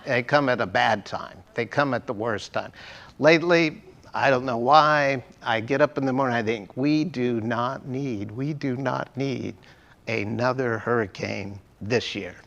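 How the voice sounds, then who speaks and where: A man's voice: mid-range voice, pushed and bright. A male pastor giving a sermon in a church, conversational and asking the congregation questions. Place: church sanctuary.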